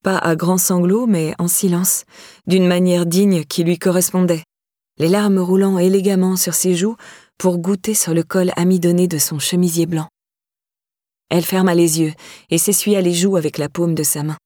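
Woman narrator, low and mellow, dry close studio sound. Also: fairly even intonation, moderate pace, no echo. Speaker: audiobook narrator. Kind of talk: scripted narration.

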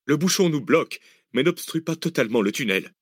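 A man reading an audiobook, voicing a calm, authoritative man who gives measured orders. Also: fairly high pitch, breathy edge, no room sound, studio quality, pitched above the performer's own voice. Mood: commanding. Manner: measured, commanding. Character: calm, authoritative older man, cool-headed planner. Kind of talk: audiobook character voice.

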